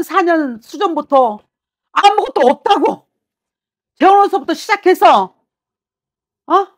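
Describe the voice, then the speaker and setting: A middle-aged woman works as a fortune teller and talks from her desk in a small shrine office. She is blunt and scolding, and she speaks her client's inner thoughts aloud, pressing hard on every point. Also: very high voice. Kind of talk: fortune-telling consultation.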